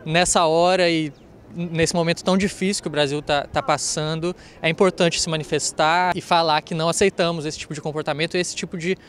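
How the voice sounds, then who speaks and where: A man's voice: a little high, fairly even intonation, brisk. A man from Vitória, Brazil, speaking thoughtfully with some hesitant restarts as a protester in an outdoor street interview.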